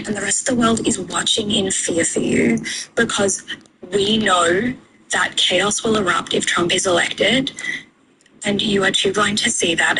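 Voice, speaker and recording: A woman on a live call-in makes her case in an earnest, lecturing way. Her voice has a gravelly fry at a middle pitch, and clear noise sits behind her. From Australia. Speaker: caller.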